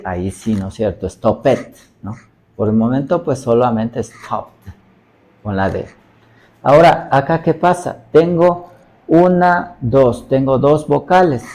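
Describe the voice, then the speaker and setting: Mellow-voiced man teaching a lesson. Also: mid-range voice, low-quality recording. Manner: patient, repeats "¿no es cierto?" and "¿no?" to check understanding; sounds out English example words slowly. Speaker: English teacher. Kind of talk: explanatory video lesson.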